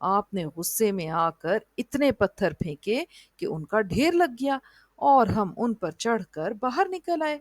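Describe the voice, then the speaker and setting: A woman's voice: mid-range voice, lively intonation, slow pace, no echo. A woman voicing a small, clever male animal hero who scolds and taunts boldly in a storybook tale. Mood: taunting. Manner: bold, scolding and defiant.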